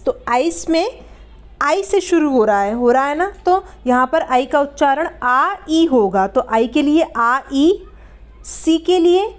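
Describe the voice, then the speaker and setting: Female teacher, patient and unhurried, slightly high voice, spells words out and quizzes the class. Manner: patient, asks checking questions and answers them; spells words out letter by letter, slowly. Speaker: English teacher. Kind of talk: step-by-step spoken lesson.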